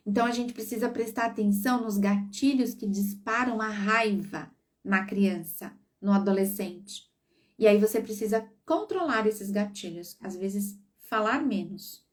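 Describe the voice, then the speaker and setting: This psychologist's voice sits on the high side and is captured from afar as she offers parenting advice during a live stream. She coaches warmly, making sure her audience keeps up.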